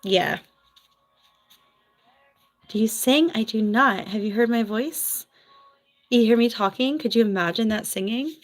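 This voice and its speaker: A woman from New Jersey with a Philadelphia accent, a former nurse, chats frankly with viewers during a casual livestream where she reads their comments. Her voice is on the high side, with quick laughing asides over soft background music.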